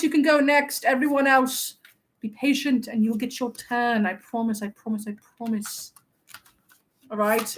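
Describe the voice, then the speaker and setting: A vain, playful young wizard who loves compliments, played by a woman in her own high voice. He teases his viewers and acts wounded when they tease back, keeping up a chatty live-stream role-play. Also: a bit bright. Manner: playful, teasing, mock-offended. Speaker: livestream host.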